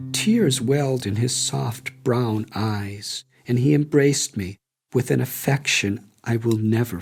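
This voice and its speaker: A man narrates an audiobook memoir in a slow, unhurried way. His voice carries a gravelly, creaky edge, and he reads in a measured, reflective manner while soft guitar plays faintly behind him. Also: medium pitch. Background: soft guitar music.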